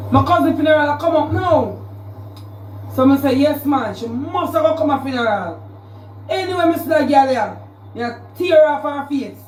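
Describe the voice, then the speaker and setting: A woman's voice: high-pitched, a little mellow, reverberant, distant mic, rough recording. A woman with a Jamaican accent ranting on her livestream, confrontational and repetitive as she calls out a rival. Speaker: social media livestreamer. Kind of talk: heated livestream rant.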